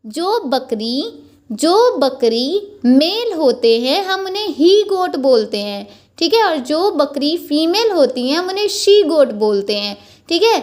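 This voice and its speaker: A woman teaches grammar in a high voice, taking her time. She repeats each point patiently and spells words letter by letter. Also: big pitch swings, slow. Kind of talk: explaining grammar lesson.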